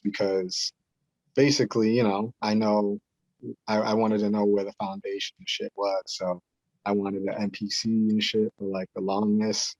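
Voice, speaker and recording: A man, a beat maker talking in a rambling, halting, slangy way with a lot of profanity. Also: on the low side, a little mellow, dry recording, dull audio. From Boston area. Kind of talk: casual interview.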